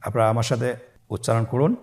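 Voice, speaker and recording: A man's voice: medium pitch, steady tone, fast talker, a little mellow. A man with a Bangladeshi Bengali accent teaching beginners Quran recitation, patiently drilling and drawing out each letter.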